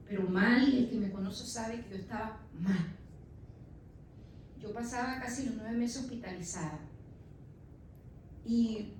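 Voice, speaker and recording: Lady pastor in her 30s preaching, kinda high voice, super echoey far-off church sound. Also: warm tone, slight background noise. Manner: emphatic preaching, calls the listener brother. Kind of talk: sermon.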